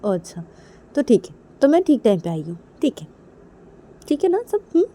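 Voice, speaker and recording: A woman's voice: fairly high pitch, sing-song, normal speed, warm tone, voice pushed up. Woman voicing a teasing knowing mother. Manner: coaxing, ends lines with "hmm?". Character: scolding middle-aged mother, teasing and knowing.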